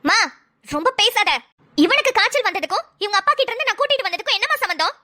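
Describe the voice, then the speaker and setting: A woman's voice: very high voice, animated, fast talker, sharp tone, heavily acted. A snappy, quarrelsome young mother, voiced by a woman. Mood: argumentative. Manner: snappy, argumentative. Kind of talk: cartoon voice acting.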